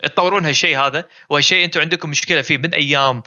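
A Gulf Arabic man with a very bright, forward voice speaks quickly and with animation in casual chat. His voice sits a little high. The recording is dull and lo-fi. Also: no echo. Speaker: guest gamer.

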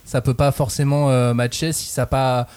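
A man's voice: medium pitch, little pitch movement, moderate pace, darkish tone, clear, resonant tone. A man in a casual group chat, laying out his argument carefully and explaining. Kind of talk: casual manga discussion chat.

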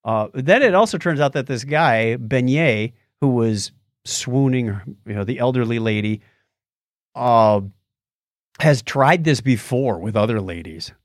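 A man co-hosting a podcast retells a documentary's story in an easygoing, conversational manner, with asides along the way. His medium-pitched delivery is animated yet unhurried, and the studio-quality recording is dry.

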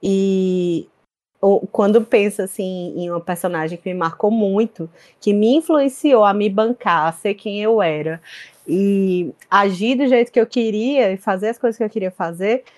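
A woman's voice: medium pitch, normal speed, a little mellow. A woman with a Brazilian Portuguese accent, chatting informally as a podcast co-host. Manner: informal, slangy. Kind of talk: casual chat.

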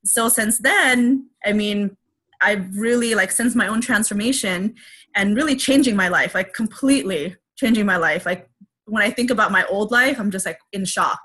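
A woman's voice: medium pitch, moderate pace, a bit bright, slightly rough. A woman speaking candidly as an interview guest, reflective and open, with many fillers and restarts. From Filipino heritage.

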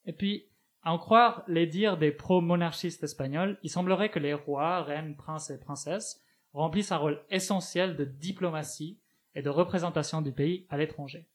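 Male columnist, fairly high voice, ironic scripted comedy chronicle. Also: normal speed. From Spain. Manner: ironic, joking, reads with asides and laughs. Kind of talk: humorous radio chronicle read from a script. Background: other panelists laughing.

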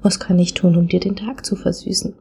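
A woman voicing an earnest husband who asks his wife again and again, in a gentle, steady way. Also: lowish voice, a little fast, gravelly, breathy edge, heavily acted. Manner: gentle, steady, repetitive asking. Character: earnest middle-aged husband patiently asking his wife.

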